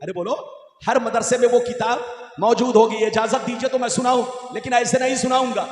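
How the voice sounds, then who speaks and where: Indian hindi-urdu accent guy preaching, super high voice, chants n yells at the crowd to answer, big echoey hall. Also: steady tone, a little fast. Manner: chanting, calls on the crowd to respond. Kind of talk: fiery sermon to a crowd. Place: large gathering with sound system.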